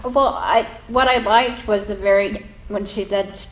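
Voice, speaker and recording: A woman's voice: medium pitch, fairly even intonation, a little slow. Woman acting student, roomy echo. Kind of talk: casual self-critique in class. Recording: roomy echo, faint background noise.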